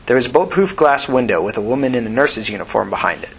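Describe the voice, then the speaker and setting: Husky male audiobook narrator. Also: medium pitch, expressive, fast, fairly bright tone, rough recording.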